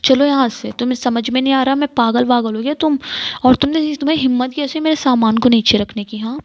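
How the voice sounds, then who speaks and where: A woman voicing a haughty, furious rich young woman who scolds with rapid indignant questions, on a dull lo-fi recording. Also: sits high, lightly acted. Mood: angry scolding.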